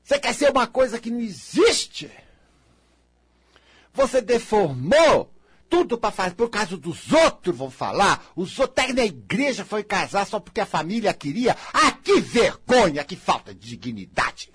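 A man with a Brazilian accent giving a blunt, scolding motivational monologue, jumping from loud outbursts to low mutters. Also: big pitch swings, normal speed, slightly rough, no room sound.

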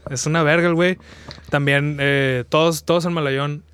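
Young Mexican man, podcast guest, rambling slangy storyteller, crisp, dry sound. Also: on the high side, steady tone, moderate pace, a bit bright, no room sound. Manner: slangy, rambling, many restarts. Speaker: podcast guest, video creator. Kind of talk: casual chat, retelling an anime plot.

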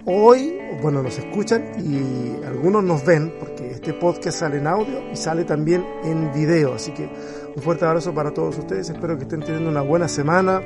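High-voiced male podcast host. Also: animated, normal speed, few pauses, music in the background. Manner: reflective, encouraging, tells a Bible story. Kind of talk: warm interview podcast.

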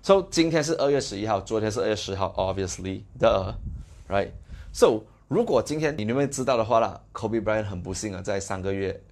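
A young man with a Malaysian accent, hosting a motivational live video and telling a story in an animated, exclamatory way. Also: fairly low pitch, normal speed, vocal fry.

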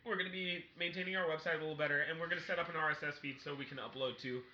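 High-voiced, bright man chatting on a podcast. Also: fairly even intonation, rapid-fire, echoey room, highs cut off. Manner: crude, profane, joking. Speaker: comedy podcast co-host. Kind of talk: casual chat.

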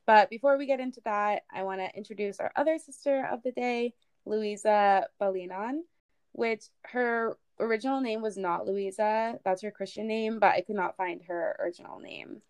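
A woman's voice: medium pitch, normal speed, darkish tone, clean tone, no echo. A woman co-hosting a casual history podcast, talking in a chatty way with many fillers. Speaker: podcast co-host.

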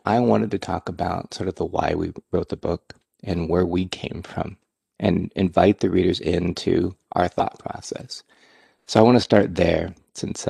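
Low gravelly guy, relaxed co-author chat, kinda husky. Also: dry recording. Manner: relaxed, hedging with fillers. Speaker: co-author and host of the talk. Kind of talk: casual conversation.

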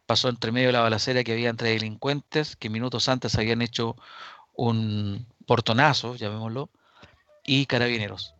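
A Chilean man hosts a live current-affairs radio show in a bright, forward voice of middling pitch. He speaks deliberately, pausing and repeating phrases. Faint music plays behind him. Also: no echo. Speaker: radio talk show host.

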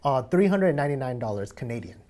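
A man's voice: medium pitch, big pitch swings, fast, darkish tone. Young guy chatting, laughs a lot, lots of ums and likes. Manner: chatty, laughs often, many fillers. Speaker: guest sharing a mattress story. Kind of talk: casual chat.

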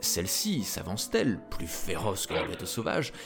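A man reading a fairy tale aloud in an expressive, dramatic way. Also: sits low, normal speed, gravelly. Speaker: narrator. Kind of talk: storybook reading. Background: faint music.

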